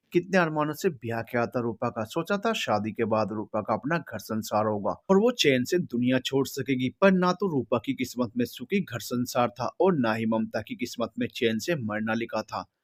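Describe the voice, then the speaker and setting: Man, storyteller, steady, solemn, scripted narration. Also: medium pitch.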